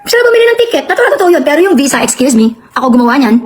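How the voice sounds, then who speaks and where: A woman from Canada on a live stream at home, ranting indignantly in rapid bursts and firing off rhetorical questions. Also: sits high, big pitch swings, slight background noise. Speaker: live-stream host and promoter. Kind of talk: heated live-stream rant. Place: home with barking dogs nearby.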